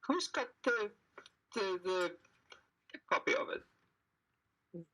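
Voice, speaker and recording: A woman's voice: mid-range voice, expressive, drawn-out words, sharp tone. A woman acting as game master, narrating and questioning players casually in a tabletop roleplaying game.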